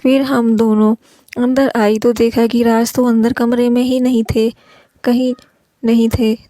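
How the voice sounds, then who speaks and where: Flat, mellow woman telling a story. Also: a little high, unhurried, no room sound. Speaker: first-person story narrator. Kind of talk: read-aloud audiobook narration.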